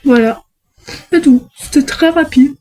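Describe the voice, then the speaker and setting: A woman's voice: high voice, measured pace, mellow, low-quality recording. A young woman chatting casually to viewers while unboxing mystery boxes, talking to herself and restarting her sentences often. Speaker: unboxing vlogger.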